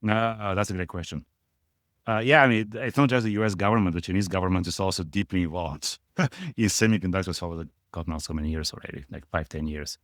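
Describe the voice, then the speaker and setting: A man's voice: deep voice, fast talker, a bit bright, dry recording, studio quality. A middle-aged man from Bulgaria with a Bulgarian accent, speaking as a guest in a conversational interview, emphatic and repeating words for stress. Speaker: portfolio manager guest.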